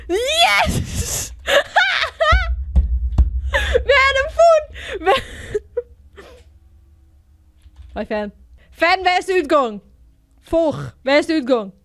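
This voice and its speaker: A woman's voice: high voice, clear, resonant tone, no room sound. A woman with a Frisian accent chatting casually to viewers while she plays a video game, exclaiming at what happens on screen. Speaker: gaming video host. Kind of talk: casual gameplay commentary.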